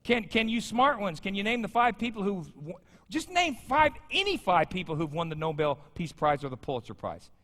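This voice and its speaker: A man's voice: high voice, very animated, brisk, a bit bright. A man in his fifties preaching a sermon as pastor, conversational and joking with the congregation. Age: 50s. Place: large church sanctuary. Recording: church sanctuary with long reverb.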